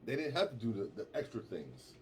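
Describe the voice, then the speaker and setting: A man co-hosting a casual radio talk show, animated and slangy, laughing often and repeating himself. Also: mid-range voice, brisk, a crowd in the background.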